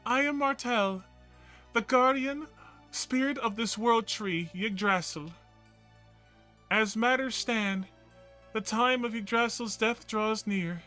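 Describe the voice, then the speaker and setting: A man's voice: high voice, slow pace, long pauses, bright, forceful tone, soft background music, pitched above the performer's own voice, heavily acted. A man voicing Martel, a solemn tree spirit. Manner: grave, formal and pleading.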